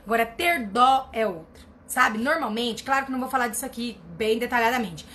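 Woman therapist, blunt and emphatic, bright voice with faint room noise. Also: a little high, fairly quick. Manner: blunt, emphatic, repeats herself for stress. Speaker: family constellation therapist answering viewer questions. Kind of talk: casual live advice reading comments.

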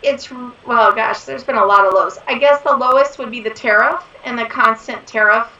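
A woman in her forties, a guest entrepreneur chatting in an interview, her voice hoarse from overuse. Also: a little high, normal speed, bright, forceful tone. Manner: chatty and enthusiastic. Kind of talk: casual interview chat. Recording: distant roomy lo-fi mic.

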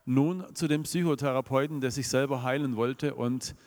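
Brief: male preacher, Swabian accent, middle pitch, sermon to a congregation, long hall reverb. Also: normal speed, a little mellow. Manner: rhetorical questions to the congregation.

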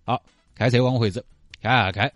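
A man's voice: mid-range voice, brisk, a bit bright, no echo, highs cut off. A male radio host telling a comic story in a chatty way, speaking straight to the listener. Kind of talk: comic scripted storytelling with acted dialogue.

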